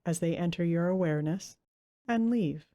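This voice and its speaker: With a lowish, very soft-edged voice, this woman guides a meditation. Her delivery is gentle and unhurried, with plenty of pauses.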